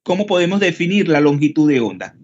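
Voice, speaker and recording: Panamanian male teacher, higher voice, explanatory, keeps checking in with the class; muffled lo-fi online-class audio. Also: big pitch swings, quick pace. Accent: Panamanian Spanish. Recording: dull lo-fi call audio.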